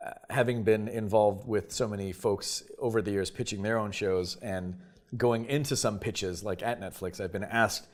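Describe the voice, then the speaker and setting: A man from Canada, a voice actor, chatting as a guest in a casual interview, animated and full of fillers. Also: fairly low pitch, normal speed. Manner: animated storyteller, lots of uh fillers and restarts.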